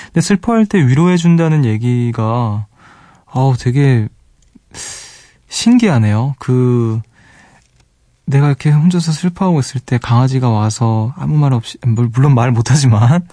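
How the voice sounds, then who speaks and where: Mellow soft-spoken male radio DJ. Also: medium pitch, expressive, moderate pace, no room sound, studio quality. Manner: soft-spoken, fond, exclaims over pet photos. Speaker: late-night radio DJ. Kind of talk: late-night radio hosting, reading listener letters. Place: radio studio. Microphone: studio microphone.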